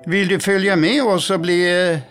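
A man's voice: sits high, steady tone, fairly bright tone, faint music behind, voice pushed up. A man reading aloud, voicing a pair of cheery young geese who talk in a chummy, slangy way.

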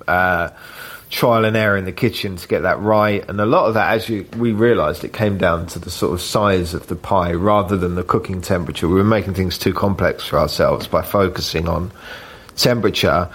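Man, chef, low-pitched voice, rambling casual chat, fillers and tag questions. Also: fairly bright tone. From Britain. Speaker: chef and cookbook author.

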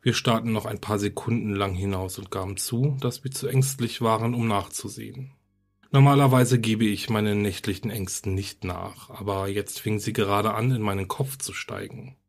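Over faint music, a deep-voiced man with a hint of breathiness reads a horror story at a moderate pace. His calm, even delivery recalls a podcast narrator gently drawing the audience into an eerie nighttime tale.

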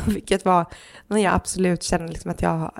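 A woman's voice: on the low side, gravelly. A woman co-hosting a podcast, telling a personal story in casual chat, full of fillers and acted-out quotes of what others said. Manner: animated, acts out others' lines in quotes; heavy use of fillers like "liksom" and "du vet". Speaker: podcast co-host.

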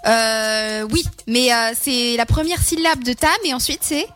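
A woman co-hosting a casual game show, giggly, giving quick word clues. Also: fairly high pitch, a bit bright, soft background music. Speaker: co-host.

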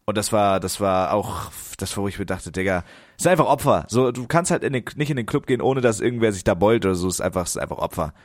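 A man's voice: lowish voice, lively intonation, fast, no room sound, studio quality. A young man co-hosting a podcast, telling rambling stories in loose slang. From northern Germany. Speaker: podcast co-host. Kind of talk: casual chat.

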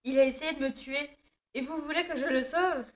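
A man voicing a young female doctor in an audio drama, in a high falsetto that turns from shy to outraged. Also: steady tone, a little fast, fairly bright tone. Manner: high falsetto, shaky and curt. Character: young woman doctor, flustered then furious.

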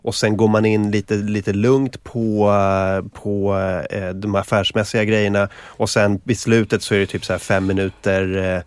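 A man with a lowish voice throws in dry, wry remarks during a relaxed panel chat. The recording is close and dry. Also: hardly any pauses, smooth, no room sound. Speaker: podcast panelist. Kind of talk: casual chat.

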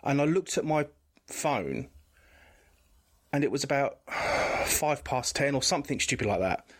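A man's voice: medium pitch, animated, a little slow, a bit bright. A man, a podcast guest telling a personal story candidly, rambling with frequent restarts. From England.

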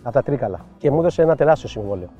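A middle-aged man from Piraeus, a former football coach, telling animated stories as an interview guest and acting out what people said to him. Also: mid-range voice, dull audio, soft background music. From Piraeus, Greece. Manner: animated anecdotes, acts out quoted dialogue. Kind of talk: storytelling interview.

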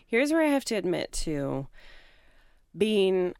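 A woman's voice: medium pitch, slow, clean tone, no room sound. Young woman, chatty podcast storyteller, acts out the lines, dry close sound. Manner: animated storyteller, acts out quoted lines, laughs often. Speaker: podcast co-host telling a story. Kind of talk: casual chat.

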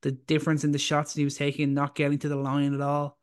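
A man with a slightly raised pitch speaks in a flat, even way on a casual basketball podcast. He trips over his first words, then settles into firm, plainly stated opinions. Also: fast talker, clear, resonant tone. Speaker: podcast co-host. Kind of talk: casual sports talk.

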